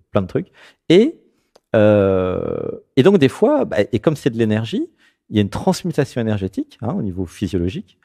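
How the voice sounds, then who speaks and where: On a spiritual talk show, a French host with a lowish, gravelly voice guides a caller. His delivery is animated, and he checks in often, repeatedly saying "tu vois."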